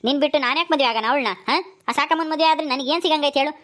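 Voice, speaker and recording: A woman's voice: high voice, rapid-fire, a bit bright. A woman voicing a fond elderly village husband who jokes and soothes his wife. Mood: pleading. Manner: soothing, coaxing, rustic village speech.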